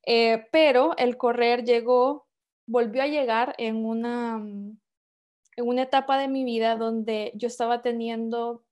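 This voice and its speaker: A woman's voice: fairly high pitch, steady tone, a little slow, darkish tone. A woman in her thirties with a Honduran accent, chatting as a podcast guest, with many fillers and restarts. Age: 30s. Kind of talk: casual interview chat.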